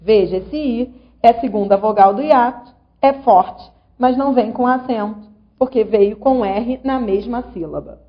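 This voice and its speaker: An unhurried woman with a fairly high voice gives an online grammar lesson. She breaks down rules patiently, one syllable at a time, and invites the viewer along. The lo-fi recording sounds slightly dull.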